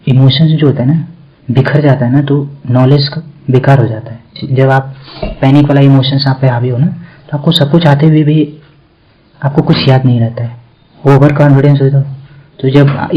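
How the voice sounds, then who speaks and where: A male coaching teacher delivers a motivational lecture, talking straight to his viewers in a loose, conversational way. His voice sits at an ordinary middle pitch. The recording is a little dull and lo-fi. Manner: conversational, addresses viewers directly with repeated fillers. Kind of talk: motivational lecture to exam aspirants.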